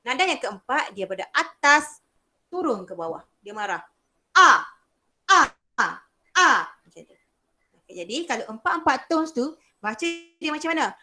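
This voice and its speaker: A woman's voice: high-pitched, big pitch swings, brisk, pushed and bright. A young woman with a Malaysian Malay accent teaching a beginners' Mandarin class, explaining patiently and repeating sounds to demonstrate. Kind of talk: online language lesson.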